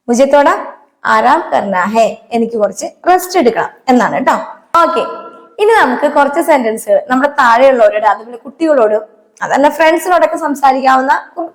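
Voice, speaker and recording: A woman with a high voice teaches a spoken language lesson, saying each phrase slowly and more than once. She keeps asking her listeners if they remember or understand. The room around her sounds echoey. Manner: patient, repeats each phrase slowly, asks quiz questions. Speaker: Hindi teacher.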